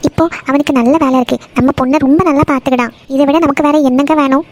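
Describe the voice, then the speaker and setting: A woman voicing a patient, forgiving mother in a cartoon, gently pleading with her husband. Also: sits high, steady tone, quick pace, close to an everyday voice. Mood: pleading, gentle. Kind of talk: Tamil cartoon voice acting.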